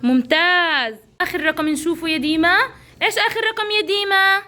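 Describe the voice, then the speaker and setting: A woman's voice: very high-pitched, brisk, pushed and bright. A woman teacher, coaxing and praising young children through a counting game. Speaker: preschool teacher.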